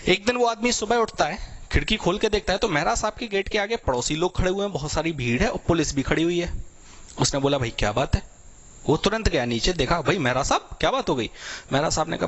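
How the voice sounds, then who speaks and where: Young male tutor, talky explainer, keeps checking in with "okay", pitch a touch high. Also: a bit bright. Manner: explanatory, repeats "thik hai" constantly, tells everyday examples. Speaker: teacher. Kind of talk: vocabulary lecture for exam students.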